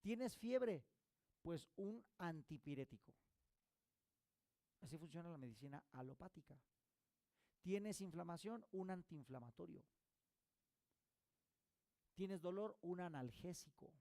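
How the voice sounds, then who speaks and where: A man teaching a recorded course lecture as a holistic therapy instructor, explaining through rhetorical questions and quick "ok?" check-ins. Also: a little high, expressive, dark tone, no echo.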